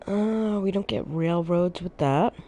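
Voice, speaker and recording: Female game streamer, drowsy and easygoing, dark mellow tone, unhurried delivery. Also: lowish voice. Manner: relaxed, thinking aloud, unhurried. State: sleepy, yawning. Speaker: streamer playing a city-building game. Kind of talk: casual gameplay commentary.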